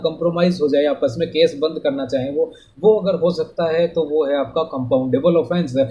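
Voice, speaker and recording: A man's voice: a little high, dark tone, slight background noise, rough recording. Man lecturing with constant "है ना" checks. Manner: repeats "है ना" as a check-in, mixes English terms into Hindi. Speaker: forensic medicine lecturer. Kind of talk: exam-focused lecture.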